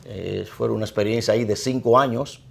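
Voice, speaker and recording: A middle-aged priest with a Dominican Spanish accent, speaking in a low voice with a gravelly, fry-laden edge. He talks through his life in a measured, reflective way, as a guest in an interview. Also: steady tone. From Dominican Republic.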